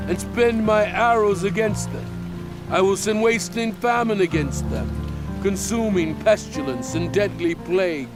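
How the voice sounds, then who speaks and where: A solemn, wrathful prophet, Moses-like, in an audio scripture drama. His voice sits high for a man and moves slowly through deliberate, declamatory phrases. Music plays behind him. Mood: wrathful, grave.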